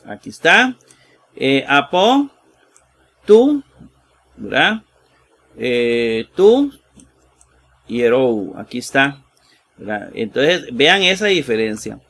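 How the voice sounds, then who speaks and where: A man teaching a Bible lesson, slow and halting with many fillers, sounding out Greek words piece by piece and checking in with his listeners. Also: mid-range voice, sing-song, gravelly, pushed and bright. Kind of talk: screen-shared exegesis lesson.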